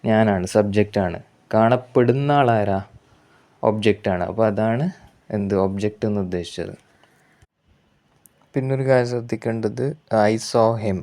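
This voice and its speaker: A man with a Malayali accent teaches English grammar in a patient, repetitive way, with a somewhat low voice. He stops to correct himself and reads each example sentence very slowly and deliberately. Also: mellow. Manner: slow, repetitive explaining with self-corrections. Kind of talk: explanatory grammar lesson.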